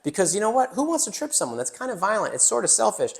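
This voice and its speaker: A man with a gravelly, fry-edged voice sitting a touch high for a man hosts a casual business podcast. He talks in an animated, joking way, tossing in asides and the odd mild swear, from a newly built indoor studio. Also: fast talker. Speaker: podcast host.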